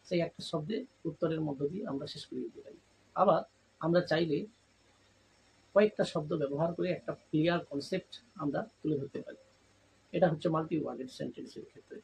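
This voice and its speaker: A man teaches English in a patient lesson. His voice sits a little high, with a gravelly edge. He breaks words into syllables and spells each letter slowly over faint background noise. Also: a little mellow, poor audio. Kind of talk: spoken lesson.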